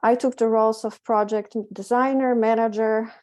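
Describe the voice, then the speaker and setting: A middle-aged woman from Poland with a Polish accent, giving a public lecture in a halting way with frequent self-corrections. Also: a little high, steady tone, a little mellow. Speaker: presenter, physician and project curator.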